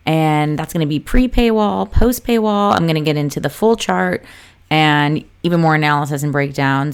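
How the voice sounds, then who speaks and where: Low-voiced woman with vocal fry. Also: darkish tone. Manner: chatty, loose and informal, with frequent fillers and asides. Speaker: astrologer and podcast host. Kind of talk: casual solo podcast talk. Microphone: close podcast mic.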